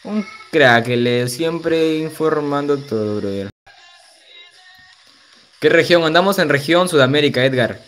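A young man streams a game and chats casually with his viewers, reading chat aloud, using plenty of slang, and laughing often. His voice is a little high and a bit bright, with a measured pace and long pauses. Faint music plays in the background.

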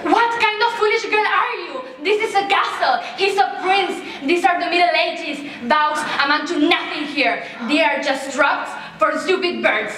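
Lady acting a scolding drama-queen mom in a comedy play, sharp high voice, super echoey stage. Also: measured pace, few pauses. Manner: bossy, theatrical, emphatic repetition. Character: overbearing, scolding, dramatic mother of grown children. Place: theater stage, indoors. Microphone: far camera. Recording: very echoey theater stage, distant mic, faint noise.

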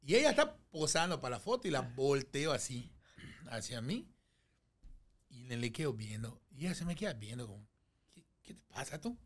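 A man's voice: mid-range voice, normal speed. A middle-aged man with a Mexican accent, telling a story as a podcast guest in casual chat and acting out the voices in it. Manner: animated, acts out voices in his anecdotes.

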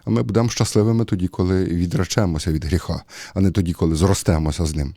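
A man with a low, mellow voice preaches a homily in an easy, talky way. He stops often with fillers as he thinks aloud. The sound is close and dry, with no room echo. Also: fairly even intonation, fast talker. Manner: conversational, hesitant with many fillers. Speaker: priest. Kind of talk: sermon.

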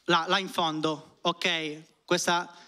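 A man's voice: on the high side, flat delivery, slow pace, bright, forceful tone, clear, resonant tone. A man doing an ironic, conversational stand-up routine with casual swearing, speaking into a handheld stage microphone. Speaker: stand-up comedian. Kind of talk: stand-up comedy routine to a live audience. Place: comedy club stage with seated audience.

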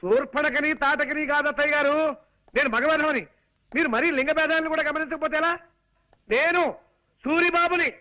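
A wisecracking young suitor in a film comedy, mocking and quick-witted, always up to some scheme. His voice is very high for a man and sharply bright. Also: steady tone, poor audio. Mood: exasperated.

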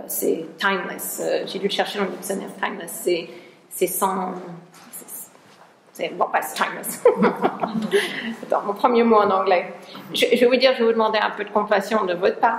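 Gravelly-voiced woman lecturing in a roomy hall. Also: mid-range voice, a little hiss or hum. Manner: searching for words, frequent restarts. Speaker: researcher giving a lecture. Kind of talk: conference talk.

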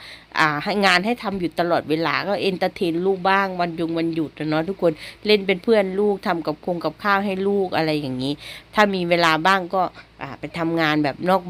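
A woman with an Isan Thai accent, a stay-at-home mother narrating her vlog as a casual voice-over, chatty and quick to laugh, often speaking straight to the viewers. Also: on the low side. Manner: chatty, keeps addressing viewers directly; laughs easily between remarks.

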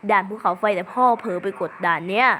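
A woman's voice: mid-range voice, fast talker, bright, forceful tone, pitched below the performer's own voice, close to an everyday voice. A woman voicing a boastful, scheming alien impostor father in a comic cartoon dub, in a playful, teasing manner. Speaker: voice actor.

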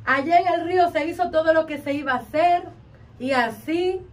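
A woman with a Dominican accent, a vodou practitioner recounting a ritual in an interview, animated and acting out the things she said. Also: extremely high pitch, normal speed. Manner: animated, acts out quotes and chants. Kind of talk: storytelling in an interview. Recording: distant mic, faint background noise.

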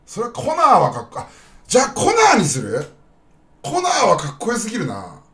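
Animated rambling male live streamer. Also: high voice, brisk. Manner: rambling, blunt, addresses viewers directly. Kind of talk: casual live-stream chat.

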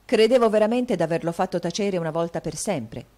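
A woman reading an audiobook, voicing a proud, quick-tempered young man who speaks earnestly. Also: on the low side, expressive, warm tone, voice pushed up, close to an everyday voice. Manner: earnest, scornful at times.

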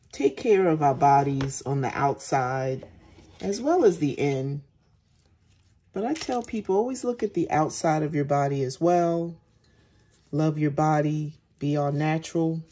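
A woman casually narrating a hands-on demonstration in a relaxed, unhurried way as she works. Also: sits low, slight background noise. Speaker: soap maker and host. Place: indoors at home, at a work table.

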